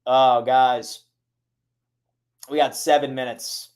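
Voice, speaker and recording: A man hosting a casual sports livestream, talking to his viewers in a hurried, urgent way. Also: medium pitch, level tone, darkish tone, smooth.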